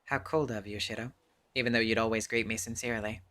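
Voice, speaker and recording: A man voicing a cool, composed tall woman who speaks calmly and softly in a visual novel read-aloud. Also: on the low side, fast. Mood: reproachful.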